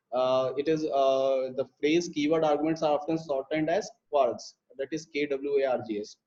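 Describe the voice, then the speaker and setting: This young instructor's voice is on the high side and a little mellow. He's giving a live online coding lesson, explaining step by step but hesitating often with fillers and restarts, and the live stream audio is lo-fi and muffled.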